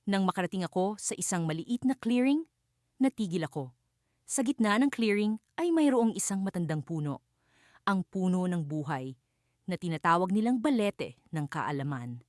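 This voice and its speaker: A woman tells a fantasy storybook in the first person, her voice low and her melody lively. She narrates expressively and dramatically. The recording is dry and close. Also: normal speed, no echo.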